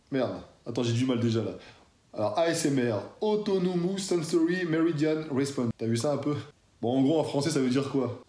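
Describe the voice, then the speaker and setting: A man's voice: medium pitch, dark tone, echoey room. A man talking casually and chattily to his viewers as a fitness YouTuber, slangy and familiar, addressing them directly. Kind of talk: casual talk to camera.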